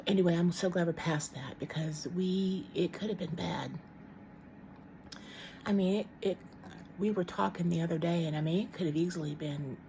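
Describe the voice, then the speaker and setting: A woman's voice: on the low side, mellow, slight background noise. A middle-aged woman vlogging at home in casual chat to camera, rambling and frank, with many ums and restarts.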